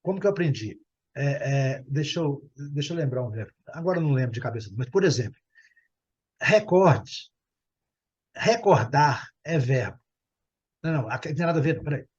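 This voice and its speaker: A middle-aged Brazilian man teaching English to a group over a video call, chatty and prone to slowly repeating words. His voice sits a little high and sounds husky. The call audio is muffled and lo-fi. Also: lively intonation. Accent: Brazilian Portuguese. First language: Portuguese. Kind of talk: online group English lesson.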